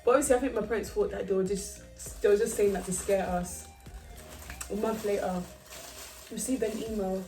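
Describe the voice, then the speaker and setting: A woman's voice: medium pitch, steady tone, a little fast, warm tone, soft background music. A young woman, telling her story in a casual chat while eating. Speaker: host. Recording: distant from the mic.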